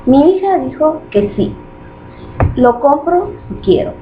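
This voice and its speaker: A woman with a fairly high voice reads grammar rules and examples carefully and deliberately. The sound is thin and phone-like, with a faint hiss in the background. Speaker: student presenter. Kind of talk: reading a grammar lesson aloud. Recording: tinny phone-like recording with faint noise.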